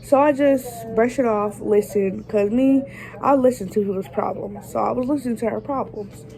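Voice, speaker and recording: A woman vlogger, raspy from just waking up, chatting directly to her viewers as she tells a casual story. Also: on the high side, moderate pace, dark tone, rough recording.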